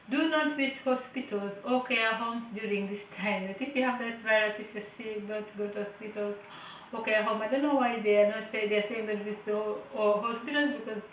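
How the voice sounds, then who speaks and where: Her voice is mid-range and a bit bright as this Ugandan care worker reads notes aloud in an informal health lesson, unpacking them with hesitant fillers and casual asides. Her first language isn't English; Finnish is her third. She's set back from the mic in an echoey room, with slight background noise.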